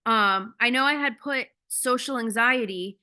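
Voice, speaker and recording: A woman coaching a group over a video call, speaking candidly and bluntly with the odd casual curse. Her voice sits a little high and sounds bright and forceful. It comes through a video-call mic. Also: a little slow. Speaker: ADHD coach.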